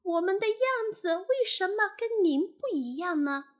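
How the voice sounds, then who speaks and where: A woman voicing a group of tiny, eager tadpole children searching for their mother, calling out high and loud. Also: very animated, slow, exaggerated voice. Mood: earnest asking.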